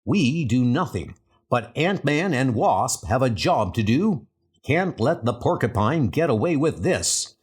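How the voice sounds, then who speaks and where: A man's voice: mid-range voice, big pitch swings, measured pace, husky. A man playing an earnest, stern scientist superhero in a comic-book dub, with a dramatic delivery. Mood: determined. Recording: loud music under the voice.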